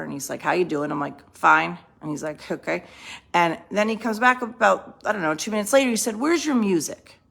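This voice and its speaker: A woman's voice: medium pitch, gravelly, a bit bright. A woman vlogger talking casually to camera from home, chatty and rambling, often checking in with "right?". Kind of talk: casual motivational talk to camera. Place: home, on the couch.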